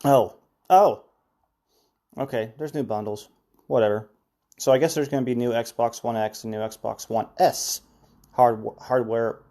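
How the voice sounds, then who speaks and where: Male podcast host, mellow and relaxed tone, rambling casual news chat, slightly sick with cough drops. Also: medium pitch. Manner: rambling, chatty, filler-heavy news recap.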